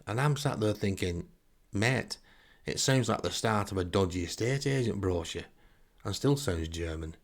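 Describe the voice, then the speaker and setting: With a fairly low pitch, vocal fry and a breathy edge, a middle-aged podcast host with a northern English Lancashire accent, English his first language, delivers a wry, self-deprecating, grumbling comic monologue in the first person.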